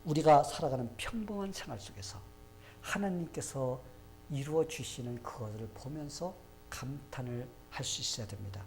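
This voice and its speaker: A man's voice: mid-range voice, lively intonation, normal speed, a little mellow, faint music behind. A man preaching a sermon as pastor, emphatic and conversational, often speaking directly to the congregation.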